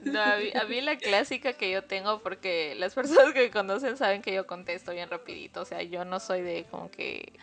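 A woman's voice: mid-range voice, brisk, vocal fry, hardly any pauses. A woman, co-hosting a podcast in chatty, laughing conversation. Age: 20s. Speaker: podcast co-host. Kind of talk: casual chat.

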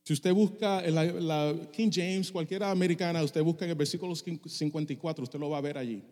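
A man's voice: on the high side, fairly even intonation, fairly quick, darkish tone, in a large hall. A middle-aged male pastor preaching a passionate sermon, dropping English phrases into his Spanish. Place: church sanctuary.

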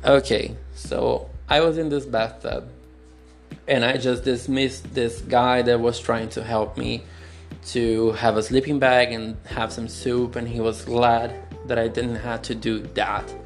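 A young podcast host from Brazil, a native Portuguese speaker with a Brazilian accent in English, recounts something personal on a phone recording. His medium-pitched voice is flat in delivery, with faint music behind. He moves slowly and searchingly, candid, with pauses and restarts.

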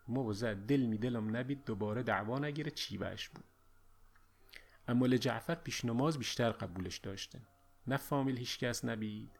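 A man narrating a first-person story in dialect with steady, reflective storytelling. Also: medium pitch. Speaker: audiobook narrator.

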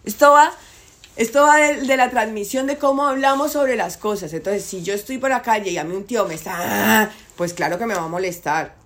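A woman's voice: medium pitch, a little fast, a bit bright. A woman talking insistently in a casual debate, repeating herself to drive points home.

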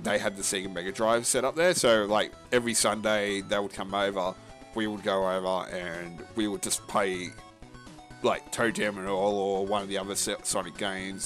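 A male co-host of a casual gaming podcast has a fairly bright tone and a voice on the low side. His talk rambles and halts, packed with fillers, restarts and casual profanity.

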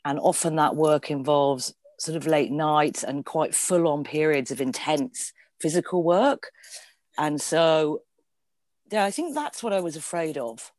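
A middle-aged woman from Devon, England, a theatre performer, talks conversationally as a podcast guest in an interview. Her voice is low, darkish and a little slow, with no echo.

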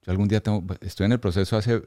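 A man's voice: fairly low pitch, fairly even intonation, racing, mellow, no room sound, studio quality. A man hosting a podcast interview, chatty and easygoing, who laughs often and trails off mid-sentence. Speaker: podcast host. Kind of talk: casual conversational interview.

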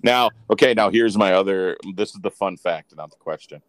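A man co-hosting a casual podcast, making jokey deadpan asides. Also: low voice, moderate pace, no echo. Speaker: podcast co-host. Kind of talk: casual chat.

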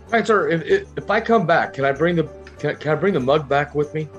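A man's voice: on the high side, lively intonation, quick pace, lo-fi sound, soft background music, pitched above the performer's own voice, close to an everyday voice. A man playing a friendly, rambling adventurer in a tabletop game, talking like a jovial town drunk. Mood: jovial, tipsy. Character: friendly, rambling wandering adventurer, happily drinking in a tavern. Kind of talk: improvised tabletop role-play.

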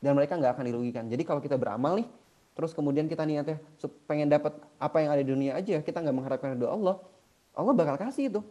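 Fast-talking man giving a lively sermon. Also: fairly high pitch, dull audio. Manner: animated storytelling in colloquial speech; recites Arabic Quran verses. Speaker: Islamic preacher. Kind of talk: casual religious talk.

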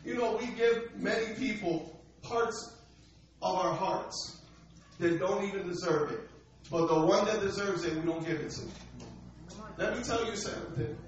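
Male preacher, American, high-pitched, street-talking sermon style calling on the congregation; very reverberant church recording. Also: a little slow. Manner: streetwise colloquial delivery with rhetorical questions and calls for response. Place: large echoey indoor room, church service. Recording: echoey hall, distant dull mic, faint noise.

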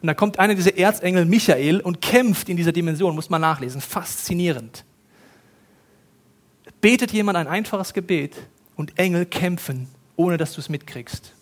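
A middle-aged man preaching a sermon in a casual, slangy way, talking straight to the congregation and acting out quotes with sudden loud rises. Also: high-pitched, moderate pace. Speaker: pastor.

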